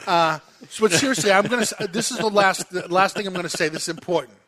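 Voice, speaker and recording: High-voiced emphatic male radio host. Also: fast, pushed and bright. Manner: emphatic, teasing, argumentative. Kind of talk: casual radio chat.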